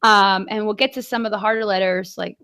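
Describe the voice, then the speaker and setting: Woman, 40s, podcast co-host, rambling anecdotal chat, mid-pitched. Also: steady tone, fairly quick, sharp tone, smooth. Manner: chatty storyteller, many fillers and laughs. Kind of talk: casual chat.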